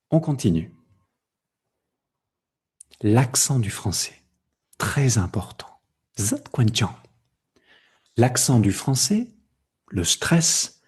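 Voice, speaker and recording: Slow, mellow teacher, a man. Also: mid-range voice, breathy edge. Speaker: French teacher. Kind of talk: slow, deliberate language lesson.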